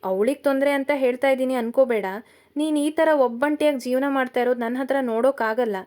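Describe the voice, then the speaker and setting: A worried, tearful middle-aged mother, as a woman reads her in a storybook tale. She pleads quickly with her son, her voice a little high. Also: darkish tone, natural voice.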